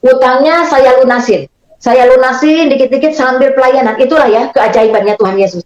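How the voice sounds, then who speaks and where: A woman giving a faith testimony in an interview, telling her story in an animated way and acting out the dialogue. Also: sits high, fairly quick, echoey room. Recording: dull lo-fi recording.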